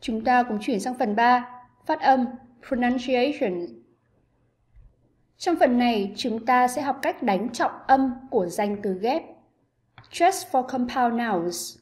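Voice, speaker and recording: A woman teacher giving an online English lesson to pupils, explaining grammar with clear, patient pacing. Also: fairly high pitch, animated, takes it slowly, a little mellow.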